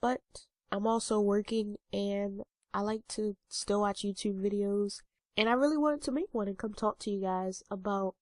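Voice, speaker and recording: Her voice sits in the mid-range, steady and a little mellow, at a moderate pace, recorded without any room sound. She's a vlogger in her twenties with a congested nose, rambling casually to viewers in a talking-head video and filling it with ums and uhs.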